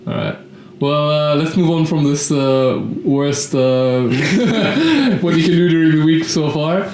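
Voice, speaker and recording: A man's voice: fairly high pitch, lively intonation, slow pace, darkish tone. A young man hosting a casual podcast, often hesitating with fillers. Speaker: podcast host. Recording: echoey room with faint noise.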